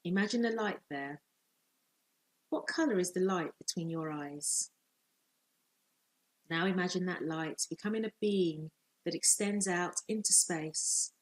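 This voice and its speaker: A woman life coach leading a guided visualisation, speaking in slow, soothing, measured instructions with long pauses. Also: lowish voice, low-quality recording.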